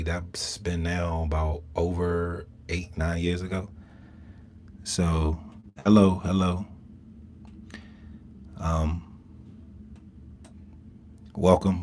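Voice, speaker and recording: American male, bass-leaning register, slow and halting, casual livestream chatter from a small sauna. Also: a little hiss or hum. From Southern Maryland, USA. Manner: halting, rambling, unhurried. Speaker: live streamer. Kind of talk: casual live chat. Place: inside a small home infrared sauna.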